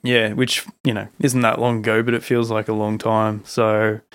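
A man's voice: on the low side, level tone, moderate pace, fairly bright tone, clear, resonant tone, no echo. A man hosting a podcast, chatting in a laid-back, informal way. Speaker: podcast host, musician. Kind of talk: casual chat.

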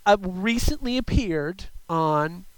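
A man's voice: sits high, animated, slow, clean tone, no echo, poor audio. A man hosting a show with a chatty, campy drag queen delivery. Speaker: show host.

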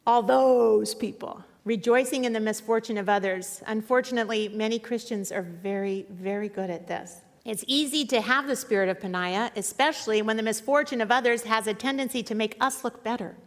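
A middle-aged woman teaching a Bible study as a sermon, with dramatic readings of scripture. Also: medium pitch. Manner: expressive, reads scripture in a rising dramatic voice. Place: large room with a seated audience. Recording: long hall reverb.

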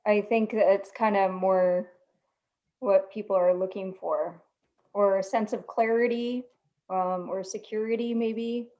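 Female panel therapist, conversational, mid pitch, slightly dull audio. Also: steady tone, unhurried. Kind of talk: casual discussion.

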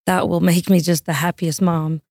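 Mellow-voiced woman talking casually. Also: lowish voice, level tone, moderate pace, no echo, studio quality. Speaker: mother interviewee. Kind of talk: casual testimonial talk.

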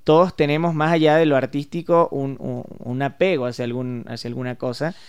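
A man's voice: medium pitch, fairly even intonation, a little fast, clear, resonant tone. A man who is a music therapist, explaining ideas in a casual podcast interview, thinking aloud with small hesitations.

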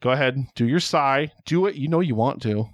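A man's voice: medium pitch, brisk, dry recording, studio quality. Rambling, joking male podcast host. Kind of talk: casual chat.

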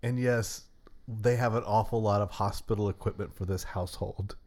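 A man's voice: lowish voice, fairly even intonation, moderate pace, a little mellow, a little hiss or hum. A man co-hosting a casual movie watch party, making wry running jokes about the film. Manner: joking, wry running commentary. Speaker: podcast co-host.

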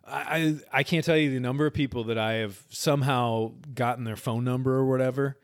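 This time the forties-aged podcast host talks at a brisk clip, still in an ordinary middle register. His casual interview chat stays earnest and meandering, full of restarts and ready laughter. The audio is dry and close-miked, with no sense of a room.

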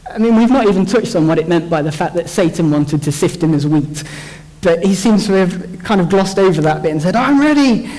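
A young man talks through a Bible story in a loose, joking way, often restarting his sentences as he thinks aloud. His voice sits a little high for a man. The sound carries a long reverb, as if recorded in a large hall. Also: fairly quick, hardly any pauses, mellow. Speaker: church speaker. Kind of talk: informal Bible talk.

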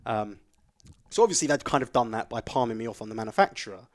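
A man telling a story in a casual chat, animated, his voice climbing sharply as he recounts getting angry. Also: mid-range voice, fast. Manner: animated, voice rising sharply when recounting anger.

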